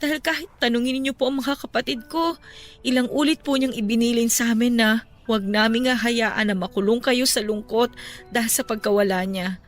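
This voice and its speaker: Woman acting a caring grown daughter in a radio drama, slightly high voice, earnest and respectful, soft music behind. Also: steady tone, fairly quick, close to an everyday voice. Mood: consoling, pleading.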